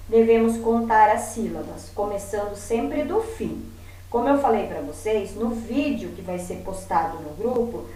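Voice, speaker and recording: Slow, patient woman teacher. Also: a little high, darkish tone. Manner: patient, repeats words slowly to model stress. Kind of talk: remote lesson for pupils. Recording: very echoey room, voice from far off.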